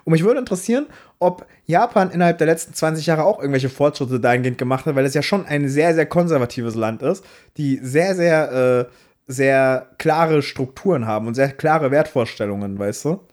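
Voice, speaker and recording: A man's voice: a little high, a little mellow. Slangy young man ranting. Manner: slangy, ranting, rapid asides. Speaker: podcast co-host and streamer. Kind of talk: casual chat.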